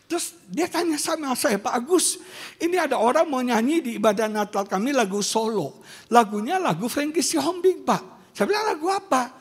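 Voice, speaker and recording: A man from West Sumatra, a pastor giving an animated sermon, telling stories with sudden loud outbursts. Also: very high-pitched, normal speed, breathy edge. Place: large church hall. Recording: long hall reverb.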